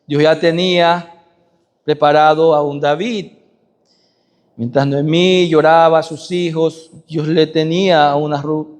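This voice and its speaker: A man preaching a sermon who asks his congregation rhetorical questions and swings from loud high peaks to soft low endings. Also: fairly even intonation, unhurried. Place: church sanctuary. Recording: long reverb of a church hall.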